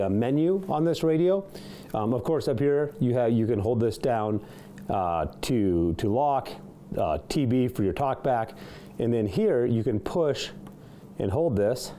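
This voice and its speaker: A man of medium pitch and dark tone gives an unscripted CB radio demonstration as a product reviewer in an indoor studio. He's relaxed but slightly unsure while working through the features, and there's a faint hiss or hum.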